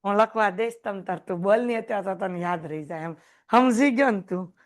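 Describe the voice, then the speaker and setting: Lively male teacher. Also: sits high, fairly quick. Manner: lively, quizzes students and jokes. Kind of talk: classroom lecture. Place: classroom with students.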